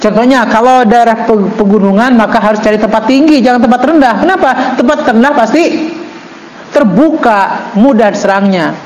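A man teaching an Islamic book study. He reads Arabic text slowly, then explains it with joking asides. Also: very high-pitched, darkish tone, reverberant, slight background noise, low-quality recording. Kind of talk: religious book study lesson.

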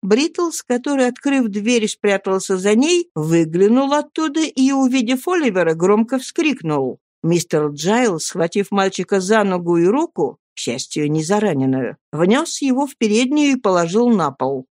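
A woman's voice: medium pitch, very animated, moderate pace, few pauses, a little mellow, dry recording, clean studio sound. Woman narrating a classic novel. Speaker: audiobook narrator. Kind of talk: scripted literary narration.

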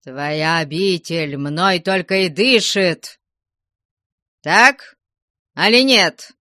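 Woman voicing a stern angry old father, threatening, slow deliberate delivery, sharp bright voice. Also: on the low side, no echo, clean studio sound, exaggerated voice. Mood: domineering. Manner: shouting, threatening.

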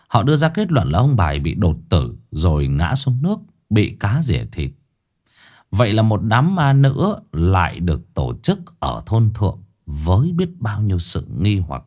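A man's voice: lowish voice, darkish tone. A man narrating a ghost story, dramatic and blunt, with coarse slang.

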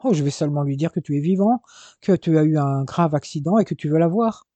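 A man reading aloud as a furious young man who talks in sharp, raised, scolding bursts. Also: a little high, lively intonation, fairly quick, dry recording. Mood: impatient.

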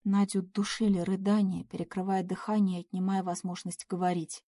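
A woman narrates a psychological drama with a steady, expressive delivery. Her voice sits at an ordinary middle pitch. The recording is close and dry. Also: a little fast, dry recording. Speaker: audiobook narrator.

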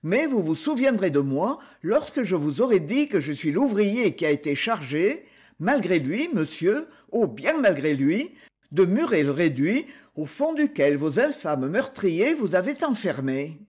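A man's voice: sits high, big pitch swings, a little slow, darkish tone, breathy edge, exaggerated voice. A man doing a pleading, flustered master mason. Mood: anxious pleading. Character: anxious middle-aged master mason, pleading, stammering.

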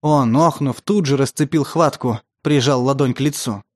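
A man narrating a tense story in a steady, scripted audiobook style. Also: medium pitch, moderate pace.

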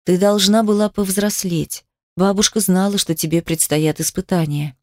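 Brief: woman reads brooding young man, soft low murmur, dry close sound, romance audiobook. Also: steady tone, moderate pace, dry recording, lightly acted. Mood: earnest.

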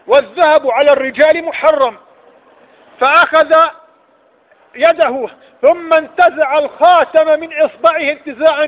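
A man with an Egyptian accent giving a religious lecture, often asking rhetorical questions and repeating his points for emphasis. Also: very high-pitched. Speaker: preacher. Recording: dull lo-fi recording.

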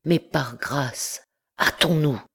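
A woman's voice: sits low, takes it slowly, gravelly, a bit bright, husky, exaggerated voice. A woman reading an audiobook, voicing an anguished, upright young man who pleads earnestly. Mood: urgent.

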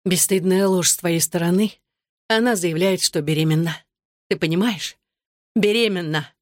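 A reader voicing an adult woman, a betrayed wife, shouting and bitter through tears in an audiobook. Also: mid-range voice, normal speed, no echo, studio quality, close to an everyday voice. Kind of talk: audiobook narration.

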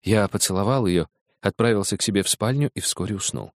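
A man reading a story aloud in the first person, in measured storytelling narration. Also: fairly low pitch, no room sound, clean studio sound. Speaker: audiobook reader.

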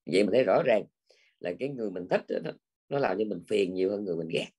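A man's voice: fairly low pitch, animated, racing, darkish tone, husky. An older man giving a Buddhist dharma talk in a conversational way, often tagging his sentences with small prompting words. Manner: conversational, with frequent tag words. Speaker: Buddhist teacher.

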